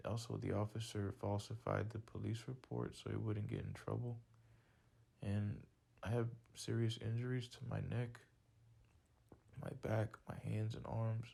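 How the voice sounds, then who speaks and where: A man leaving a voicemail as a caller seeking a lawyer, speaking slowly and deliberately and spelling out his details. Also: lowish voice, gravelly, dark tone.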